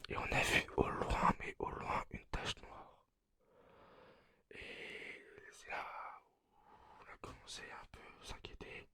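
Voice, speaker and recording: Whispered role-play: male performer as nervous male doomsday survivor, halting delivery through a face mask, sharp breathy whisper. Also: no echo. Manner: hesitant, halting storytelling. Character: anxious male survivor of a meteorite apocalypse.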